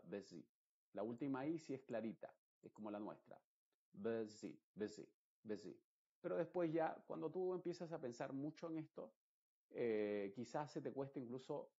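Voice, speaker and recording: A man, teaching English pronunciation in an explanatory lesson and repeating example words slowly and carefully. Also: medium pitch, warm tone. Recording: dull lo-fi recording.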